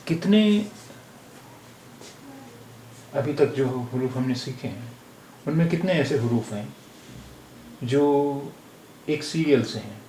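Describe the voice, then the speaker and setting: A man teaching a language lesson. He speaks slowly and says each word several times. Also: mid-range voice, expressive, warm tone. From India. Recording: roomy echo, faint background noise.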